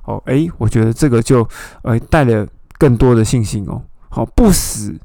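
A man with a gravelly, mid-pitched voice leads a Bible study lesson. He retells scripture scenes and stops to ask his listeners pointed questions. The sound is dry and close, with no room echo. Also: normal speed, mellow. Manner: explanatory, asks the listener rhetorical questions. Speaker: Bible teacher.

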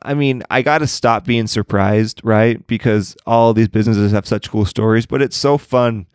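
A man's voice: on the low side, normal speed, a little mellow, smooth, dry recording, clean studio sound. A man co-hosting a podcast in casual chat, upbeat and teasing, laughing often. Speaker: podcast co-host.

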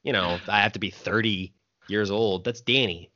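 A man's voice: on the low side, moderate pace, sharp tone, dry recording. A man in his twenties hosting a podcast interview, chatty and loose, full of fillers. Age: 20s. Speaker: podcast host. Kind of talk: casual interview chat. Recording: dull lo-fi recording.

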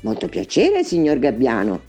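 A woman voicing a chirpy, slow-witted young woman in a comic reading. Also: rumbling low, wildly swooping pitch, warm tone, breathy edge, soft background music, heavily acted. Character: dim, chirpy young woman who mistakes an angel for birds.

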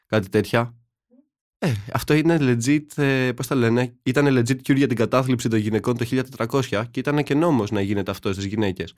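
A man's voice: mid-range voice, darkish tone, no room sound, studio quality. A young man co-hosting a podcast, chatting casually and telling ironic, slang-filled stories. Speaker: podcast co-host. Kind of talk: casual chat.

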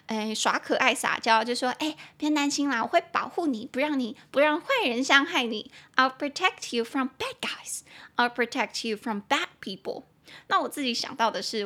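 A young woman with a Taiwanese Mandarin accent, hosting a casual English lesson podcast, slowly spelling words and laughing at her own stories. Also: a little high, a bit bright.

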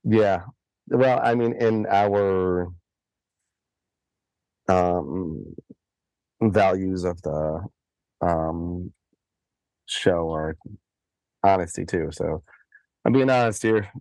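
A man co-hosting a podcast in casual chat, a little hoarse from a slight cold, rambling with fillers and restarts. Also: low voice, very slow, pauses often, darkish tone, no echo. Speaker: podcast co-host.

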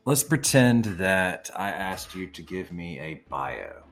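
A man with a very low voice hosts a relaxed podcast conversation. He rambles easily, filling gaps with ums and throwing in casual swearing. Faint music sits low behind him. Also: slow pace. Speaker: podcast host. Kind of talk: casual chat.

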